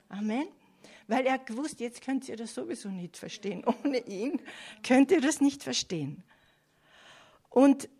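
A woman's voice: a little high, a little mellow, breathy edge. A woman preaching a sermon earnestly, often checking in with her listeners. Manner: earnest, with frequent "ja?" and "Amen" asides to listeners.

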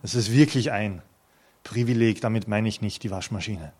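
A man's voice: on the low side, normal speed, a little mellow. A man in his fifties preaching an earnest, conversational sermon to a congregation, with touches of light humor. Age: 50s. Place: church hall before a congregation.

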